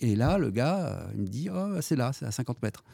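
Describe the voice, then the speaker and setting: A middle-aged man, a history-geography teacher, answering students' questions in a casual interview, hesitant with many fillers and animated when telling stories. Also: medium pitch, fairly quick, vocal fry, no echo, clean studio sound.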